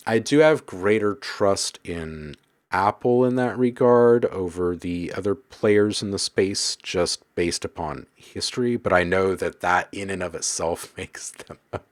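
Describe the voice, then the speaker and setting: A man hosting a casual live stream, reading viewers' comments aloud and musing on them, then muttering to himself while he edits sounds. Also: low-pitched.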